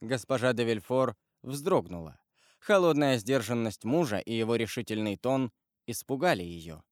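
Male audiobook reader, measured and dramatic, middle pitch, dry close sound. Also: lively intonation, dry recording. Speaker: narrator. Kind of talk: reading a classic novel aloud.

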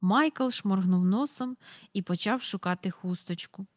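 A woman reading a storybook aloud in calm, even narration. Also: mid-range voice, measured pace, no room sound, studio quality. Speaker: audiobook reader.

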